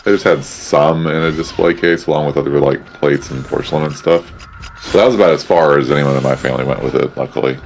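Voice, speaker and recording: Low gravelly dude joking around on stream, faint hiss in the background. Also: male voice, fairly even intonation, fast. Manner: crude jokey banter, laughs easily. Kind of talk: casual chat while gaming.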